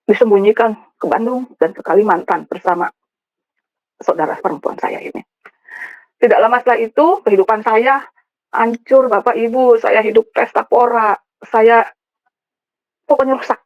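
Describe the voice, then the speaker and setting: A woman's voice: mid-range voice, dry recording. Woman giving an emotional church testimony. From West Java (Sundanese). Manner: emotional, often addresses the listeners directly. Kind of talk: personal testimony to a congregation. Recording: dull, dry recording.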